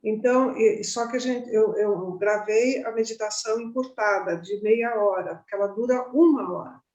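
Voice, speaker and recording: A woman's voice: medium pitch, normal speed, a little mellow, muffled recording. A woman teaching a meditation class in a conversational way, often checking in with her listeners. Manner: conversational, frequent tag questions. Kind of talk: informal class talk. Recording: roomy echo.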